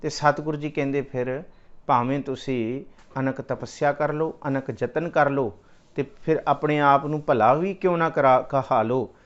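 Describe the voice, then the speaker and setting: A man preaching a devotional sermon at a middle pitch. He moves between plain explanation and slow, melodic chanting of verses. The recording is slightly dull and lo-fi. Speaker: Sikh scripture preacher.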